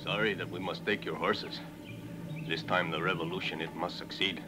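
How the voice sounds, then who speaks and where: A man doing a deep-voiced solemn bandit. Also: fairly even intonation, normal speed, natural voice. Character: grim male Mexican revolutionary bandit. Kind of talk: dubbed film acting. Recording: dub with loud film music.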